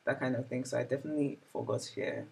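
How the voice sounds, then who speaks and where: A vlogger in her twenties chats casually and reflectively with her audience in a year-in-review talk, using lots of "like" fillers. Her voice is extremely low and darkish, with vocal fry, fairly even intonation and a fast pace.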